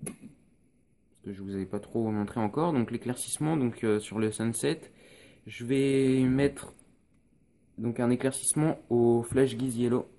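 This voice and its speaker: Man, mellow-toned hobby painting tutor, halting and full of fillers, phone recording with faint hiss. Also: medium pitch. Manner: hesitant, many fillers, explains step by step.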